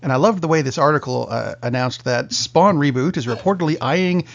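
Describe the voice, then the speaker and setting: A man's voice: a little high, a little fast, creaky. A middle-aged man hosting a film podcast, leading the segments with dry joking asides. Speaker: podcast host. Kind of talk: casual chat. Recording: muffled lo-fi podcast audio.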